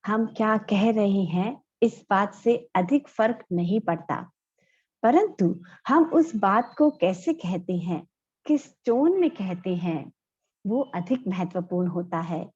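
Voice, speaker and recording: A woman giving a slow, measured lecture from slides to an online class. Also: mid-range voice, lively intonation, a little mellow, slightly rough. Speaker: instructor. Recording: dull lo-fi audio.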